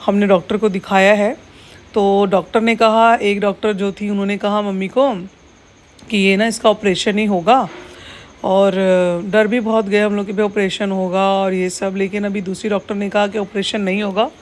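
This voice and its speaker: A woman at a middle pitch chats casually to her viewers, calling them friends and keeping the talk light and easy. Her delivery stays relaxed and personal throughout. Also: normal speed, slight background noise. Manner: chatty, addressing viewers as friends. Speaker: vlogger. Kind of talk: casual vlog chat.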